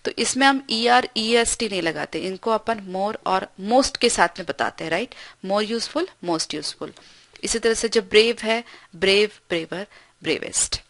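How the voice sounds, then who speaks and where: A woman's voice: mid-range voice, a bit bright, no room sound. Woman explaining grammar in a close, dry recording. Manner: explains patiently, reads example sentences slowly; frequent checking "ठीक है". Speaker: English grammar teacher.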